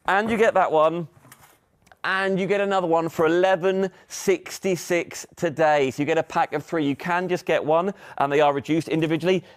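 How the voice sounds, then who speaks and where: A British man presenting a live shopping show in chatty, upbeat sales patter, a little out of breath. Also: a little high. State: slightly out of breath.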